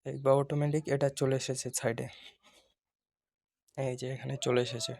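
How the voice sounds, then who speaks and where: A man hosts a casual how-to video, narrating a screen-recorded phone tutorial step by step and often repeating his phrases. His medium-pitched voice is gravelly yet a little mellow, with little pitch movement and a normal speed.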